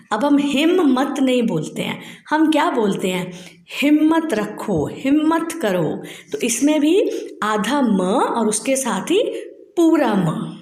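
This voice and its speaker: Woman teacher talking kids thru a grammar lesson, slow and patient, repeats words, echoey room. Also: sits high. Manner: patient, explains slowly and repeats words to show pronunciation. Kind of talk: Hindi grammar lesson for children.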